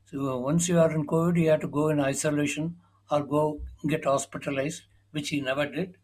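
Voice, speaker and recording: A man's voice: fairly high pitch, fairly even intonation, fairly quick, darkish tone, breathy edge. A senior sports journalist, a man, is a guest in a conversational interview. He explains things loosely and uses many fillers.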